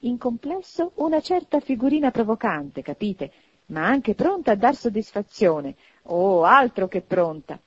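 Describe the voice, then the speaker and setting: A woman giving an expressive audiobook narration of a classic novel. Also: a little high, unhurried, husky, no echo, lo-fi sound. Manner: expressive, animated reading.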